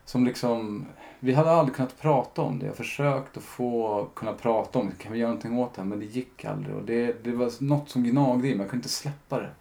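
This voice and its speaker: A man's voice: medium pitch, vocal fry, few pauses, warm tone. A man, a podcast guest, telling his own story in a candid, reflective way, often retelling conversations with lots of fillers.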